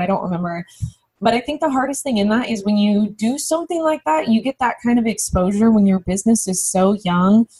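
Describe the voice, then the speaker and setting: A woman business founder talking casually as an interview guest, animated and quick, with many fillers. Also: medium pitch, poor audio.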